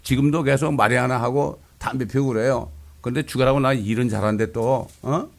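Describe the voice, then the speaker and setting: Gravelly pastor preaching emphatically. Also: male voice, medium pitch, fairly even intonation. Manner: emphatic, often asks the congregation a quick question. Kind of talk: sermon.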